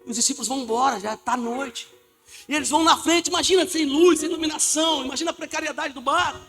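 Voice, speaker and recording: A man preaching a lively sermon as pastor of a church, with a Brazilian Portuguese accent, joking and acting out the people in his stories. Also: very high-pitched, fast talker, faint music behind. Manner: animated, jokey, acts out the people in his stories.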